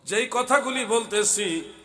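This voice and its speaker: A hoarse man from Bangladesh, a preacher delivering a heated waz sermon at a religious gathering, often raising his voice. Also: extremely high pitch, takes it slowly. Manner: loud, heated, swings into shouting. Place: outdoor religious gathering stage.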